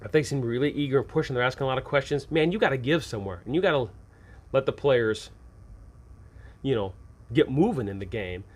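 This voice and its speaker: With lively intonation and a fairly quick pace, a man speaks at medium pitch in an informal video of tabletop game advice. He addresses game masters conversationally and emphatically, frequently going back over his points.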